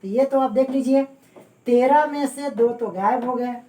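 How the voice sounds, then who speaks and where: A woman gives an exam-prep grammar lecture in a somewhat high voice. She repeats key points and keeps checking that her students follow. She is recorded from a distance in a roomy, echoing space. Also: normal speed, warm tone. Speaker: Hindi grammar teacher. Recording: roomy echo, voice away from the mic.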